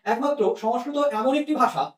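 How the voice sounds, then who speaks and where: High-voiced man teaching in an echoey room. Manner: patient, repeats each letter slowly. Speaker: Sanskrit teacher. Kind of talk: explanatory language lesson. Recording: very echoey room, mic far off.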